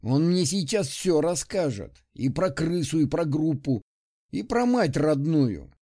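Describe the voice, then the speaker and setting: A furious senior army lieutenant barks rough threats in a raised, strained voice, as a man reading an audiobook puts him on. His tone stays mellow and dark despite the heat. It is a character voice in a spoken war story. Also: on the high side, big pitch swings, a little slow, full character voice.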